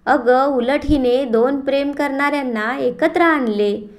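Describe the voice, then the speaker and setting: A woman voicing an easygoing middle-aged father who calms things with gentle jokes. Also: sits high, unhurried.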